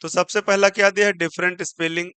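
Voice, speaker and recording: Bright-voiced man teaching English. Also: sits high, little pitch movement, clear, resonant tone, no room sound. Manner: explains step by step, asking and answering his own questions; spells words out letter by letter and slows right down on example sentences. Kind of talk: exam-prep vocabulary lesson.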